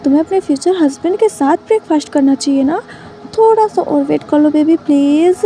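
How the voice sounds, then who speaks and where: Storybook mother, fretful and affectionate, read by a woman; high, mellow voice. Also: brisk. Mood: fond. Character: caring, anxious young mother.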